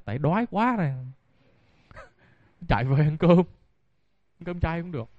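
A man's voice: sits high, a little mellow, dry recording. Man, Buddhist monk, dharma talk, storytelling, dry lo-fi sound. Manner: storytelling, addresses audience directly. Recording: dull dry lo-fi recording.

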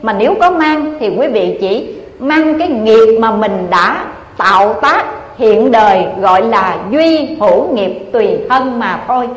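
A woman's voice: on the high side, expressive, unhurried. A woman giving a Buddhist dharma talk, telling a parable and often asking her listeners rhetorical questions. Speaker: Buddhist preacher. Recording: echoey hall.

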